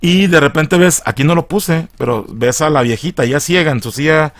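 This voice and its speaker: A man's voice: a little high, moderate pace, no room sound. A man with a Mexican accent casually recapping a film, profane and mocking in a chatty way. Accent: Mexican Spanish. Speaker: film reviewer.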